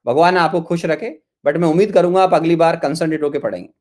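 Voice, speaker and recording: A middle-aged Indian man with a high, slightly mellow voice talks fast while lecturing an online chemistry class. He scolds students with exasperation over their chat questions, repeating the same reproaches time after time.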